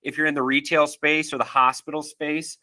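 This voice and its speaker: A man's voice: a little high, flat delivery, moderate pace, pushed and bright. A man with a stuffy, nasal voice from allergies, presenting a webinar in a casual, friendly way with frequent fillers.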